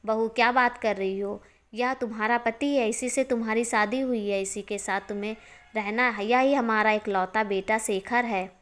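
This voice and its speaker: A woman's voice: fairly high pitch, steady tone, moderate pace, a bit bright, natural voice. A woman voicing a firm older mother-in-law in a spoken story, talking in a scolding way.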